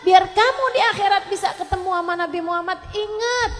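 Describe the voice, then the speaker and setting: A woman preacher, giving an emotive sermon that moves between loud pleading and soft tender passages. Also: very high-pitched, brisk, long reverb tail. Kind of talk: religious sermon.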